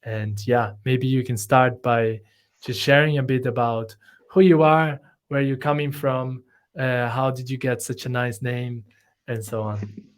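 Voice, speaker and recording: A man's voice: medium pitch, fairly even intonation, a little slow. Man hosting a live interview. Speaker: host.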